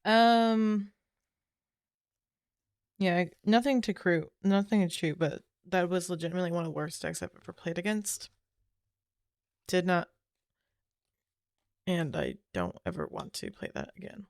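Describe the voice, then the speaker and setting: A woman's voice: on the low side, animated, unhurried, gravelly, long pauses, no echo, studio quality. A woman streamer chatting casually after a game, rambling, trailing off and correcting herself as she goes. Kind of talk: casual chat while gaming.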